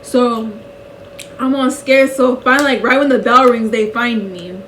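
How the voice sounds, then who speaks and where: A young woman telling a story in a casual vlog, animated and slangy and laughing often. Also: on the high side, normal speed, distant mic, poor audio. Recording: voice a bit off-mic with faint noise.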